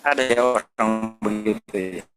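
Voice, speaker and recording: A man's voice: fairly low pitch, a little slow, fairly bright tone. A man preaching a Sunday sermon, telling anecdotes and acting out the voices of the people in them. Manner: storytelling, acting out dialogue in voices. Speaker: pastor. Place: church service. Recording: long church hall reverb, faint noise.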